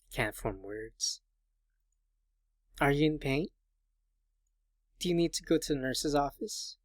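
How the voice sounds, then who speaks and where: A man's voice: a little high, lively intonation, measured pace, no room sound, clean studio sound, voice pushed up. A man voicing worried classmates who anxiously check on a crying girl in a visual novel. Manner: anxious questioning.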